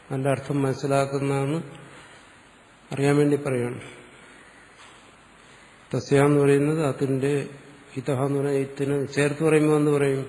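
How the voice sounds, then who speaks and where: A man's voice: medium pitch, a little mellow, big-room sound. A man with a Malayali accent teaching grammar, explaining step by step and putting questions to the class. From Kerala, India. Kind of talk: classroom lecture.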